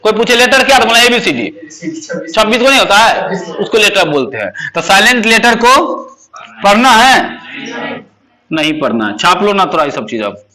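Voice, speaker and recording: A man teaching English spelling to a class, quizzing his students with quick questions and repeating key points. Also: high voice, expressive, bright, forceful tone. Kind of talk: classroom lecture.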